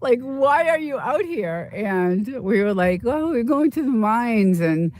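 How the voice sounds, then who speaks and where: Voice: mid-range voice, very animated, a little slow, darkish tone. Chatty rambling streamer from Boston. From Boston, United States. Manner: rambling, chatty, storytelling with many fillers. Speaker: livestream host. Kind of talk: casual chat with viewers.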